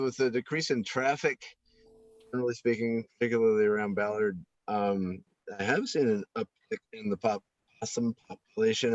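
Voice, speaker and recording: A man in rambling deadpan comedic banter, halting and full of fillers and restarts. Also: medium pitch, no echo, lo-fi sound. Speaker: panelist.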